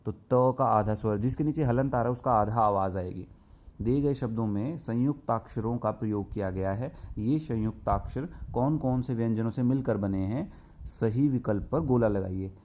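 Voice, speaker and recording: A man teaching a grammar lesson to young pupils. He explains slowly and step by step, asking questions and answering them himself. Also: mid-range voice, a little mellow. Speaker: school teacher. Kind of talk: classroom lesson. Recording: dull lo-fi recording.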